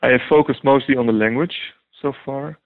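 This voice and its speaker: A Dutch man with a Dutch accent, appearing as a guest translator, answers interview questions hesitantly, with many ums and restarts. His voice is mid-range and a little fast, heard over a tinny, phone-like line.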